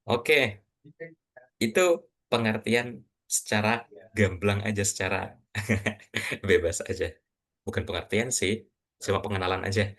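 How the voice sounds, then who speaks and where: A man teaching Quran reading to a class, quizzing students and slowly reciting example words. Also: fairly low pitch, fairly even intonation, fairly bright tone. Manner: patient, asks students questions, models recitation slowly.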